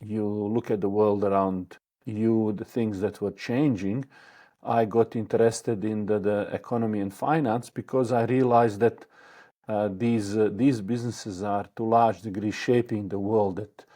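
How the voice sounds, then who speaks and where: Mellow-voiced man, halting and thoughtful. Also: lowish voice, fairly even intonation. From Bosnia. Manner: thoughtful, halting, with many fillers and restarts. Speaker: guest. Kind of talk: interview answers.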